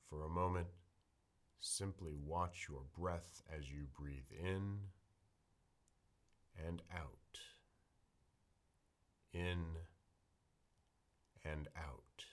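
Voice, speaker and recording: A man leading a guided meditation in a soft, soothing, measured delivery. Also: low voice.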